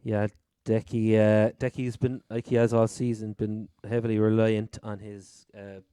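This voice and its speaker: A man's voice: lowish voice, level tone, normal speed, dark tone, smooth, no echo. A man with a Cork Irish accent hosting a casual chat about sport. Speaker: fantasy football podcast host.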